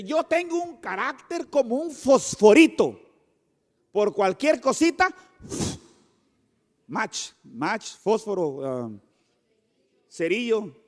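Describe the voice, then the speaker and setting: A male pastor preaching a sermon, animated, acting out the voices of people in his stories and slowing down to stress key words. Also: sits high. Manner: animated, acts out quoted voices and slows for emphasis. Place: church hall. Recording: long reverb of a church hall.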